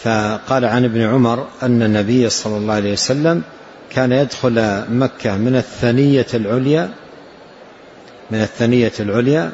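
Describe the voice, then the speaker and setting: A man gives a religious lesson, going through texts at a measured pace and repeating key phrases. His voice sits in an ordinary middle register, captured on a dull, lo-fi recording with a faint noise underneath. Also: mid-range voice, darkish tone. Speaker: religious teacher. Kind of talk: explaining hadith in a lesson.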